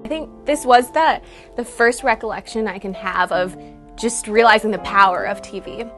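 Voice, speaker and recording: A woman's voice: mid-range voice, moderate pace, a bit bright, soft background music. A woman, speaking earnestly and reflectively in a taped interview. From San Francisco, United States. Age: 20s. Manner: earnest and reflective, grows emotional.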